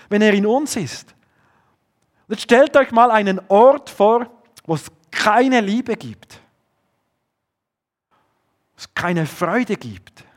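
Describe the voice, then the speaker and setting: A man preaching a sermon, often dropping to a low hush to stress a point. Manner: earnest, drops to a low hush for emphasis.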